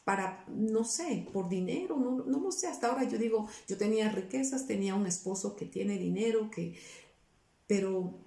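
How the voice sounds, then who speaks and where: Woman, 40s, pastor, personal testimony, earnest, restarts often, mellow tone, roomy echo. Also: mid-range voice, moderate pace, vocal fry. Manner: earnest, searches for words with many restarts. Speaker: pastor giving her testimony as interview guest. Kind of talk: personal testimony in a casual interview.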